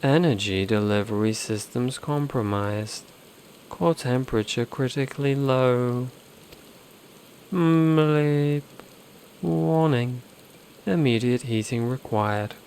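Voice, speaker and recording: A man's voice: mid-range voice, slow pace, darkish tone, slight background noise. A man voicing a literal-minded robotic machine intelligence, reading its lines in stiff, clipped, precise wording. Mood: formal. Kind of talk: reading game dialogue aloud.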